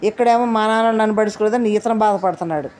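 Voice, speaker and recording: A woman's voice: medium pitch, rapid-fire, darkish tone. A woman giving casual commentary on a reality show, chatty and often asking viewers to leave comments.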